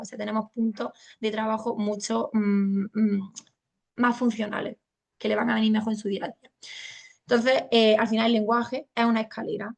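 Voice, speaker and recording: Gravelly Spanish woman, higher voice. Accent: Spain Spanish. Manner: colloquial, explaining patiently to parents. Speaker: speech therapist. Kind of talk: family training talk.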